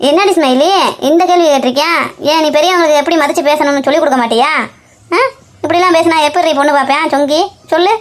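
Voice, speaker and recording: A woman's voice: high-pitched, fast, lightly acted. A woman voicing a bossy, chatty middle-aged wife in a cartoon comedy, scolding and lecturing.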